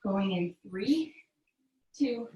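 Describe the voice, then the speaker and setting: A woman's voice: medium pitch, animated, very slow, warm tone. A woman fitness instructor leading a virtual workout, counting down reps and cueing form while she exercises in a small room. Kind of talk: coaching a virtual workout class. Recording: roomy echo, mic at a distance, faint noise.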